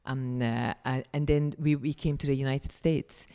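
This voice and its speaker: A woman's voice: very deep voice, fairly even intonation, warm tone, clear, resonant tone. A woman, the founder of an NGO, answering interview questions earnestly and often restarting her sentences. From Afghanistan. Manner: earnest, halting with frequent restarts.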